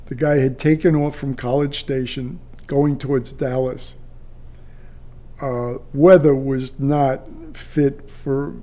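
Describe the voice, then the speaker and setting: An older man who retired from air traffic control tells a personal story off the cuff. He speaks haltingly with long, drawn-out pauses, and his voice is mellow and medium-pitched.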